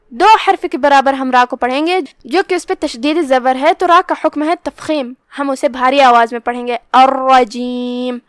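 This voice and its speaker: Woman with a high voice, careful recitation teacher, goes letter by letter, dry close sound. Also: fairly bright tone, no echo. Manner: slow, careful, explains each letter's articulation. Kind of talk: step-by-step tajweed lesson.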